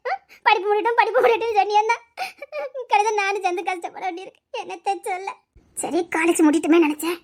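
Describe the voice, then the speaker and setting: A very high, quick-talking woman with a complains on and on, tearful and aggrieved, as an actress plays her. Her words tumble out in a run of grievances in a web series drama. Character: grumbling woman complaining about her household to a sister-in-law.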